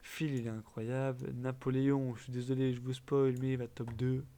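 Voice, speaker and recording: Chatty young man with gravelly voice. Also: medium pitch, flat delivery, warm tone, a little hiss or hum. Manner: chatty, blunt quick verdicts, trailing fillers. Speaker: gaming YouTuber. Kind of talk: casual commentary.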